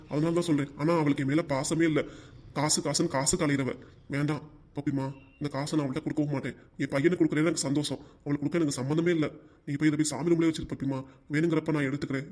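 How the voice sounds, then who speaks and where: A man's voice: on the high side, a little mellow, lightly acted. A man voicing a middle-aged shopkeeper husband in a Tamil cartoon, aggrieved and pleading. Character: middle-aged shopkeeper husband, bitter about his wife.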